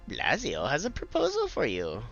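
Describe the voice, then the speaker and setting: A man voicing a greedy, cackling male scavenger who talks slowly and slyly about himself in the third person, in a game playthrough. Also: fairly high pitch, huge pitch swings, gravelly, a bit bright, lo-fi sound, faint music behind, full character voice. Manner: slow, sly, speaks of himself in third person.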